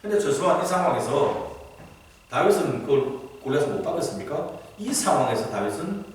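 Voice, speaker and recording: A male pastor preaching a Sunday sermon, acting out quoted voices with big swings in pitch and volume. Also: big pitch swings, brisk. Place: church sanctuary. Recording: roomy church hall, distant mic, faint ambience.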